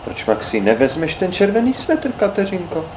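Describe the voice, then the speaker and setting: A man's voice: high voice, sing-song, slight background noise, pitched above the performer's own voice, poor audio. A man voicing a patient, kindly mother in a storybook tale, coaxing and reassuring.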